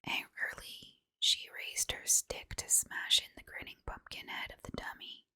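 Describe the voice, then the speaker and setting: A woman's voice: measured pace, bright, forceful tone. Woman reading a story in a whisper. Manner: reading under breath in an unvoiced whisper. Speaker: reader of a children's storybook.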